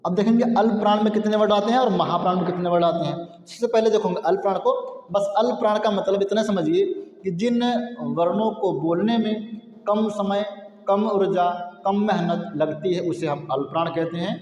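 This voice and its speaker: A man's voice: sits high, brisk, darkish tone. A male teacher giving a patient grammar lesson, asking and answering his own questions and sounding out syllables to show the difference. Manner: repetitive, explanatory, asks and answers own questions; demonstrates sounds aloud. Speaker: Hindi teacher. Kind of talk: classroom-style grammar lesson. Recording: echoey room with long reverb.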